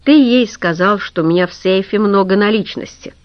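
A woman's voice: mid-range voice, moderate pace, dry recording, close to an everyday voice. Woman doing a cold, sarcastic businessman. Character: bitter, contemptuous middle-aged businessman. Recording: dull lo-fi recording.

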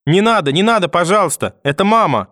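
A man's voice: sits high, animated, fast talker, a bit bright, no echo, clean studio sound, pitched above the performer's own voice. A man voicing a frightened little boy who begs and pleads. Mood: begging. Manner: pleading, panicked.

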